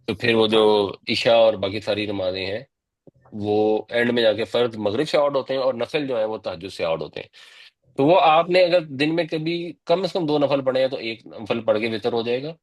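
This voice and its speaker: A man teaching a religious lesson, explaining things patiently and step by step. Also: medium pitch. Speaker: Quran teacher.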